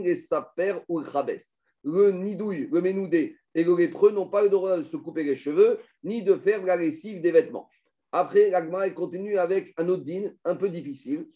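High-voiced man teaching a Talmud class. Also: mellow, muffled recording. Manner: explains step by step, asks students questions.

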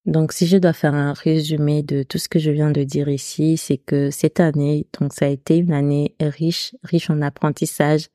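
A woman's voice: sits low, flat delivery, moderate pace, hardly any pauses, mellow, no echo, clean studio sound. A woman hosting her own podcast with a non-standard French accent, chatting casually and hesitantly, with many restarts. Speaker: podcast host. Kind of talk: casual solo podcast talk.

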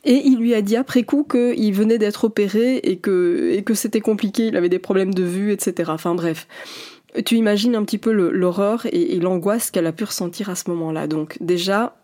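With a medium-pitched, mellow voice, the woman, a fertility coach in her forties, talks on her own podcast. She speaks directly to the listener, sounding earnest and reassuring.

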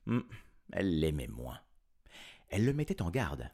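A man reads a children's story aloud with playful, chuckling energy. His voice is very deep and gravelly. The pitch rises and falls in lively swings. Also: moderate pace.

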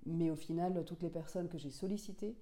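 Low-voiced thoughtful woman author. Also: steady tone, a little fast, warm tone. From Finland, raised in Senegal. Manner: thoughtful, many hesitations and restarts. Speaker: author being interviewed. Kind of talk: reflective interview answers.

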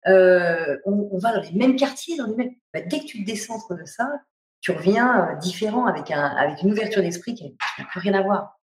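A woman's voice: mid-range voice, lively intonation, moderate pace, echoey room. A woman from France, an author, speaking as a guest in a casual interview from home and talking in a reflective way with many hesitations. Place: at home during lockdown.

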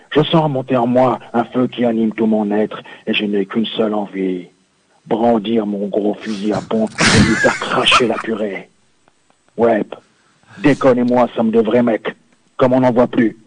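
A man's voice: fairly low pitch, slightly rough, no room sound. A man on a phone line into a radio studio, playing a boastful, suggestive macho biker sidekick from a video game in a comic sketch. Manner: swaggering, suggestive, self-satisfied. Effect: over a phone line into a radio studio. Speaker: caller doing a comedy bit. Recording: dull lo-fi dry phone line.

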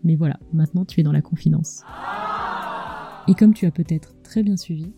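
A woman's voice: deep voice, normal speed, music in the background. A woman narrates a scripted podcast as a storyteller, speaking intimately close to the microphone, right in the listener's ear. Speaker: podcast host, culinary storyteller. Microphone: close microphone with acoustic screen.

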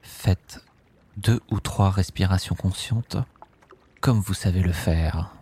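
A man leading a guided sleep meditation, speaking softly and calmly in drawn-out phrases with long pauses. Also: low voice, breathy edge. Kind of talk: slow guided relaxation script.

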